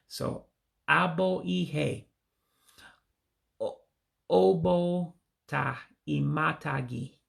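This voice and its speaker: A native English-speaking man teaches himself greeting phrases he's still learning, sounding them out slowly, carefully and tentatively and correcting himself along the way. His voice is medium-pitched with vocal fry.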